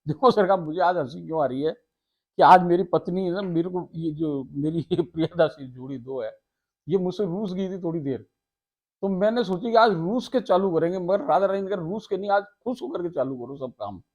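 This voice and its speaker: A man with a high voice, speaking at normal speed in a darkish tone, gives a devotional talk over a muffled recording. This devotional storyteller is homely, calling his listeners "sarkar," and he chats casually and laughs often between the scripture passages he reads aloud.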